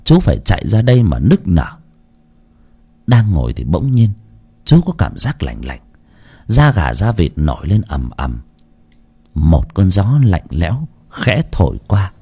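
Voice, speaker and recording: Lively low-voiced male ghost-story narrator. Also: a little slow, pauses often, breathy edge. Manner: dramatic, expressive storytelling.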